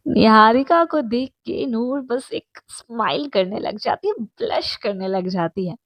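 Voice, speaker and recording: A woman's voice: a little high, animated, measured pace, no room sound. Chatty young woman telling a story. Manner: chatty, asides to listener, mixes in English words. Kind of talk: casual story narration.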